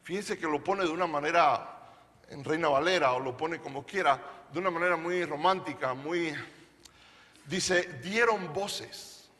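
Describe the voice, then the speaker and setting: A man's voice: a little high, moderate pace, sharp tone, long reverb tail. A male pastor preaching a sermon to a congregation, emphatic and playful, often asking them questions. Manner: playful, jokes with the audience. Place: church service.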